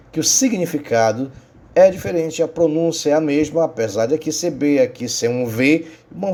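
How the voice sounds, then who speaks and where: A man's voice: a little high, darkish tone. A man with a Brazilian Portuguese accent teaches a recorded Spanish lesson. He explains each point patiently and keeps checking in with his students.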